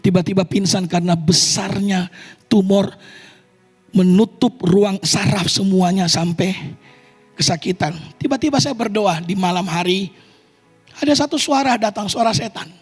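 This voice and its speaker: A man's voice: sits high, moderate pace, breathy edge. A male pastor preaching a sermon in a church, emphatic and calling out to the congregation. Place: church service hall. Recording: echoey church hall with faint music.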